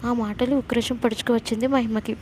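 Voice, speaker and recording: A woman's voice: a little high, little pitch movement, fairly quick, a little mellow, a little hiss or hum, low-quality recording. A woman narrating a romantic family story, reading the dialogue of every character in her own voice.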